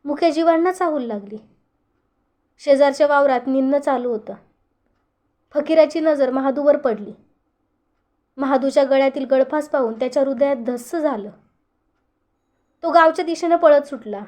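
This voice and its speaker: A woman storyteller giving a steady, earnest scripted narration of a short story. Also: high voice, moderate pace, long pauses.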